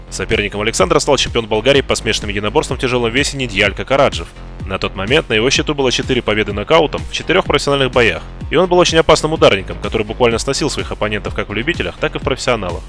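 A man's voice: medium pitch, expressive, rapid-fire, fairly bright tone, faint music behind. A man reading scripted narration as the presenter of a video channel.

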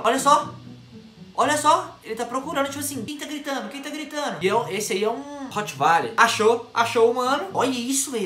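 A man with a Brazilian Portuguese accent giving chatty, excitable reaction commentary to his viewers. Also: sits high, roomy sound. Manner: chatty, excitable, keeps telling viewers to look. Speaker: YouTuber reacting to videos.

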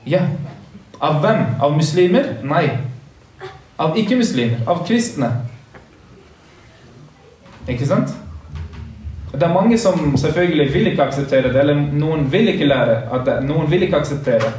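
A man's voice: fairly high pitch, lively intonation, pauses often, a little mellow, slight background noise. A man teaching a religious lesson to boys in a mosque, earnest and preachy, repeating points for emphasis. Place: large carpeted mosque room. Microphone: phone livestream from across the room. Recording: echoey room, speaker far from phone.

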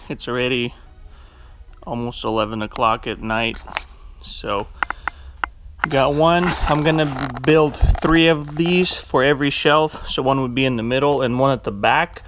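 Holding an action camera at arm's length, a young small-business owner and vlogger gives an informal walk-through of a big metal warehouse, musing aloud as he goes. He has a medium-pitched, slightly bright voice, and there's a little background noise.

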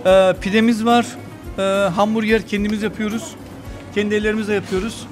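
A man's voice: sits high, flat delivery, quick pace, over music. A middle-aged man, a restaurant owner, proudly describing his food in an interview. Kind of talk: interview answers. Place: restaurant kitchen by the grill.

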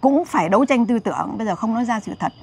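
A woman in her sixties telling of her losses in a lamenting voice, then scolding loudly in an emotional real-life interview. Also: fairly high pitch, lively intonation, racing, creaky, slightly rough. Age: 60s.

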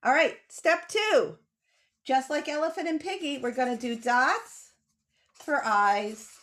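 A children's author and illustrator in middle age, high-voiced and slow-paced, runs a drawing lesson aimed at kids. She explains things simply and animatedly, punching certain words for emphasis. She speaks from a small bookshelf-filled room at home, on a video call via computer mic.

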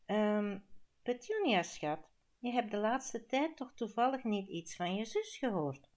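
A woman's voice: mid-range voice, animated, darkish tone. A Flemish woman reading an audiobook, voicing a timid middle-aged husband who stumbles and hesitates as he speaks. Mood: nervous. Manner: hesitant, halting, with fillers.

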